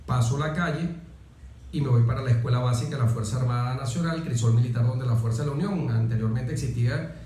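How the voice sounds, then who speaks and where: A middle-aged Venezuelan military officer, a guest in an interview, tells personal stories with emphasis and often repeats phrases in a conversational way. His mid-range voice is warm and moves at a quick pace. The room is very echoey, with slight background noise.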